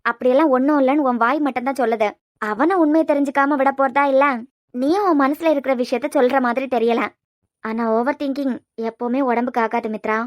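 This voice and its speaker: A woman playing a sharp, teasing middle-aged mother in a cartoon serial, with a Kanyakumari Tamil accent. Her voice is high, and she probes gently in a motherly way. The close recording is dry. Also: steady tone, fairly quick, no echo, natural voice. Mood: coaxing.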